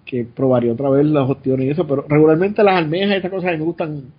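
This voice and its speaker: Husky Puerto Rican man, musing. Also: fairly high pitch, fairly even intonation, racing, highs cut off. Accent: Puerto Rican Spanish. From Puerto Rico. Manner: musing, explanatory. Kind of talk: casual chat.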